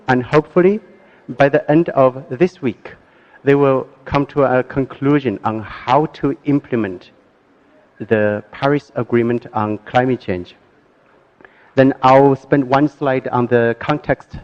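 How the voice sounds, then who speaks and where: A man giving a careful, deliberate presentation at a workshop, speaking slowly for interpreters, with frequent pauses and fillers. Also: mid-range voice, highs cut off. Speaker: conference presenter. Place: workshop conference hall.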